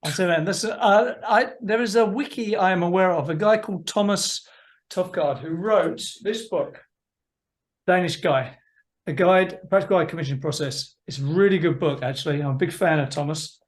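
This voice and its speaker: A man's voice: high-pitched, moderate pace. Wry middle-aged male podcast host. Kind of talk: casual podcast conversation.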